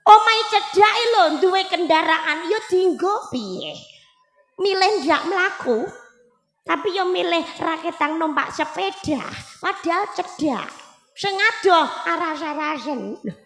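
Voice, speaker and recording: A Javanese-accented woman preacher tells a humorous story with a very high voice. She keeps it lively and animated. Her voice echoes through a large hall, with faint music underneath. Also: takes it slowly. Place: large hall at a live religious gathering.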